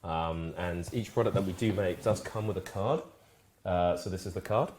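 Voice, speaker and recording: A man from Ghana who grew up in the UK, a brand co-founder talking through his products in a casual interview, thoughtful and halting with many restarts. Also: sits low, a little mellow, a little hiss or hum. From Ghana, raised in the UK from age five.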